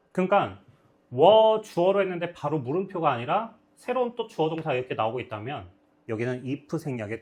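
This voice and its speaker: A man teaching English grammar, his voice rising and falling a lot as he walks through each sentence. He stops often to check whether the class has followed. His pitch sits in the middle of the usual range. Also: a little mellow. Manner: explains step by step, checks often with "got it?". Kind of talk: grammar lecture.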